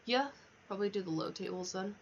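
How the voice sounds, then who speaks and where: A woman livestreamer talks casually while playing a video game, thinking aloud and muttering to herself in a brisk, medium-pitched voice. The dull lo-fi mic picks up clear background noise.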